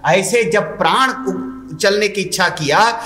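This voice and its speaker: A man, a swami, giving a sermon-style commentary on scripture, chanting Sanskrit verses slowly and then explaining them in homely Hindi. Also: high-pitched, sharp tone, echoey room.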